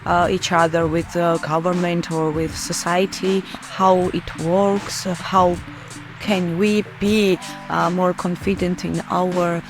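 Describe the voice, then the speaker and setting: A seminar participant from Georgia, speaking haltingly and searching for words. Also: mid-range voice, little pitch movement, over music. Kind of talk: interview testimonial.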